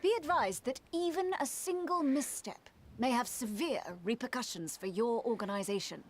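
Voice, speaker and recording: A woman's voice: a little high, moderate pace, natural voice. A woman voicing a stern, disapproving official in a video game, formal and cautioning in her delivery. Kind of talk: scripted video game acting.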